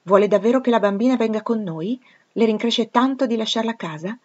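Woman reading a brusque, commanding gentleman. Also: a little high, fairly quick, lo-fi sound, pitched above the performer's own voice, natural voice. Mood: firm.

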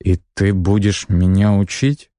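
A hot-tempered young noble warrior woman, as a male audiobook narrator puts her on, sharp and indignant. The voice stays low and dark, read close in a dry, dead space. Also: animated, normal speed, no room sound. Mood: sulky.

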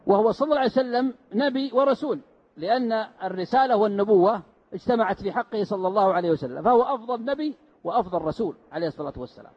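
A man's voice: high-pitched, husky. A man teaching a mosque lesson, explaining step by step and answering his own rhetorical questions. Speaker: sheikh teaching Quran commentary. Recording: dull lo-fi lesson recording.

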